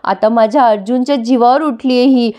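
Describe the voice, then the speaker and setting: A woman's voice: on the high side, brisk, darkish tone, highs cut off, natural voice. A woman voicing an anxious old grandmother who tearfully laments and blames her grandson's wife. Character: anxious grieving old grandmother, head of family.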